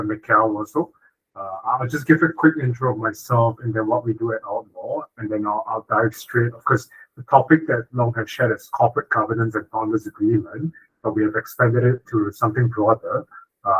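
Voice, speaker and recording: A man's voice: medium pitch, fairly bright tone, husky, poor audio. A man from Singapore, a corporate lawyer giving a webinar talk over a video call, fluent and tagging points with "right?". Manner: fluent, frequent "uh" and "right?" tags. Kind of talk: online webinar presentation.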